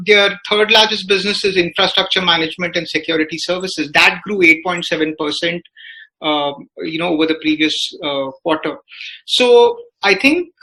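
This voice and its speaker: A man's high, bright voice carries a forceful edge as he gives analytical business commentary on a podcast. He has an Indian accent and stumbles hesitantly through his points with plenty of filler words. It's a low-quality recording.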